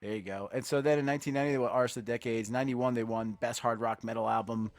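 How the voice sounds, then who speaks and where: A man's voice: mid-range voice, steady tone, very fast, no room sound. A man hosting a casual music chat podcast, easygoing and rambling with fillers. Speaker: podcast host.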